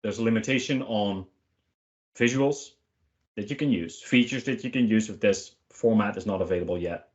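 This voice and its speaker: As the featured speaker, a man answers questions during a casual online tech talk, keeping it informal and joking with short, emphatic phrases. His voice sits on the low side at normal speed, and the recording has its highs cut off.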